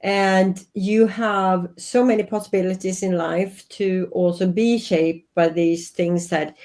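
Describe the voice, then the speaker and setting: Speaking slowly with fairly even intonation, this interview guest has a fairly low, darkish voice. She is a Swedish-accented life and business coach from Sweden, in her fifties, and her tone is earnest and thoughtful.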